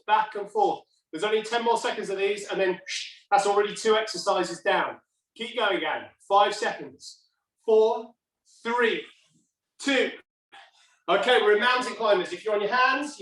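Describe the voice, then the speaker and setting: A middle-aged man coaching a workout like a barking gym coach, energetic, in short urgent commands and countdowns. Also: high-pitched. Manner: energetic, exercising while talking. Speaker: fitness coach leading a workout class. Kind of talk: live HIIT workout instruction. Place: indoor home gym. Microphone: camera device a few steps away. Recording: roomy echo, distant mic.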